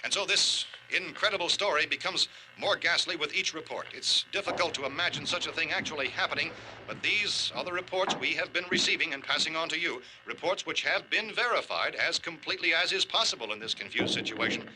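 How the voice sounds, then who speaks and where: An actor playing a grave male newscaster reading a formal, measured 1960s emergency bulletin. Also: fairly high pitch, noisy background, natural voice.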